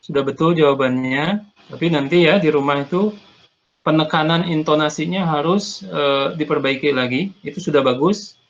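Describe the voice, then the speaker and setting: A man teaching an online Arabic class over a video call, patient and corrective, often pausing with "eh". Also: a little high. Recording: muffled video call audio.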